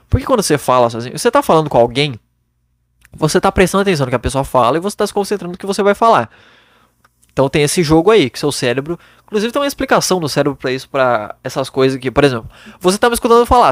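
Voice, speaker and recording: A man's voice: high-pitched, no echo, studio quality. A young man hosting a podcast from his bedroom, giving blunt, casual advice into a microphone and swearing freely. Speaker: podcast host.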